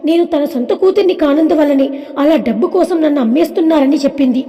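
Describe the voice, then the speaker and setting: A woman storyteller voicing a heartbroken young woman who speaks softly and haltingly. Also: high-pitched, in a large hall, close to an everyday voice. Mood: grieving.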